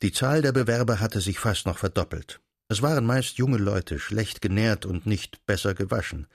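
A man reading a literary story aloud, with measured storytelling and softly voiced dialogue. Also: on the low side, no echo, clean studio sound. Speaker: narrator.

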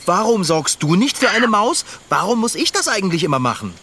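A man playing a cheerful, easily charmed young bicycle mechanic in a children's radio play, lively and gushing. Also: high voice, a little fast, a little hiss or hum, full character voice. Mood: grumbling. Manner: lively, gushing, coos over cute animals.

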